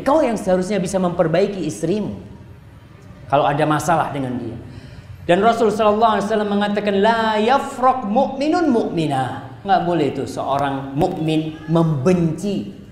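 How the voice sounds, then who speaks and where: A man preaching to a congregation in a lively, joking way, sometimes quoting Arabic phrases slowly. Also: on the high side. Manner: lively, joking, acts out spouses' voices. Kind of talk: sermon to a congregation. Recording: echoey hall with long reverb.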